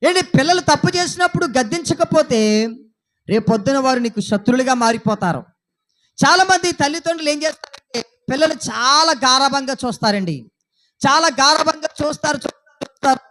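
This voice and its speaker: A man's voice: very high voice, animated, normal speed, pushed and bright. A man preaching a Sunday sermon as pastor, asking his listeners repeated questions. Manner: preaching with repeated rhetorical questions and acted quotes.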